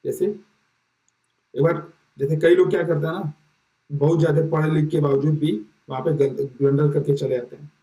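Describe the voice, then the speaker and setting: A man's voice: a little high, little pitch movement, moderate pace, warm tone. A man teaching an exam-prep lesson in a casual, explanatory way, often checking in with his listeners and restarting his sentences. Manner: repeats "ठीक है" as a check-in, many fillers and restarts. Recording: roomy echo, distant mic.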